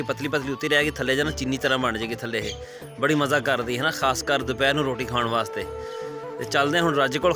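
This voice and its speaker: A young man with a Pakistani Punjabi accent, chatting and explaining as he goes in a casual village vlog. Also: mid-range voice. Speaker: village vlogger.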